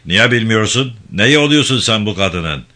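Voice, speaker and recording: A man reading a novel aloud, voicing a harsh, bullying gendarme chief who shouts threats and insults. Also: on the low side, animated, normal speed, voice pushed up. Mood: barking, menacing.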